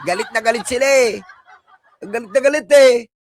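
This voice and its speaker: A man's voice: very high-pitched, moderate pace, dry recording, studio quality. A man with a Filipino accent hosting a live stream, ranting at his critics in a mocking, sneering way and laughing at his own jabs. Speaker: political livestream commentator.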